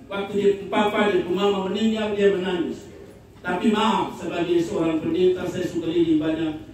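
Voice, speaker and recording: A male pastor, telling jokes in a lively sermon and asking the congregation for amens. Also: sits high, normal speed. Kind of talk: humorous Christmas sermon. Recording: echoey hall from far off, noisy.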